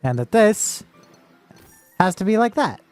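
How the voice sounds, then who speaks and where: Lively playful woman streamer. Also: mid-range voice, measured pace, dry recording, soft background music. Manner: playful, swearing, talking through puzzle logic aloud. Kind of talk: casual live gameplay commentary.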